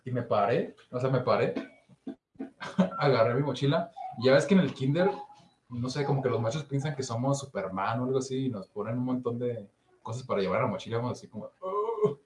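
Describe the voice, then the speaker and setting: A young man with a Mexican Spanish accent chats casually, telling an anecdote and acting out the voices of the people in it. His medium-pitched, darkish voice moves a little fast. The recording has a roomy echo and faint noise.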